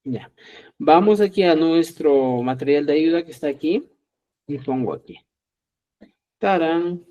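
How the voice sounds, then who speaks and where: A middle-aged man teaching a live Quechua lesson, lively and acting out both sides of short dialogues, often checking with viewers and calling them dear friends. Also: fairly high pitch, measured pace. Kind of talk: live online language lesson.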